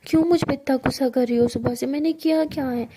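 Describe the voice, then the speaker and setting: Brief: a woman playing a cheeky young office girl, high, mellow voice, always joking. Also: fast, slightly rough. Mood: playful. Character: playful teasing young woman office worker.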